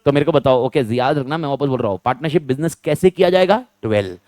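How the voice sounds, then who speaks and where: A male teacher giving a fast exam revision lecture, firing questions at students and answering them himself, repeating key points. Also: medium pitch, a little mellow, no room sound.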